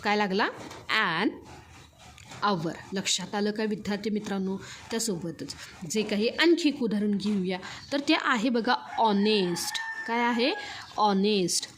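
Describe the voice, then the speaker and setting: A woman's voice: medium pitch, unhurried, a little hiss or hum. A woman with a Marathi accent teaching a grammar lesson, drilling each point with repeated rhetorical questions. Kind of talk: classroom grammar lecture.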